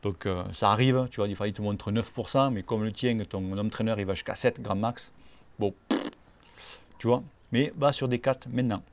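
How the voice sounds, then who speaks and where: Southern french guy, gravelly voice, jokey and blunt, reads out viewer questions and answers them. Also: on the low side, moderate pace, slight background noise. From Catalonia, near Perpignan. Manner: blunt, joking, slangy. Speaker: cycling channel host.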